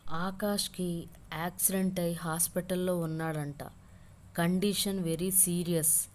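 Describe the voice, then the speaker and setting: A woman voicing a middle-aged male police inspector who talks in a brisk, matter-of-fact way. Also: fairly low pitch, steady tone, lightly acted. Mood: urgent.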